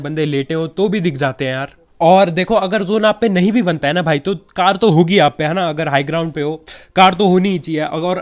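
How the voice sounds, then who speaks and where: A young man with a slight cold, chatting casually as a gaming YouTuber giving tips over gameplay and dropping friendly asides to his viewers. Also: high-pitched. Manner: chatty, keeps saying yaar and bhai, relaxed advice.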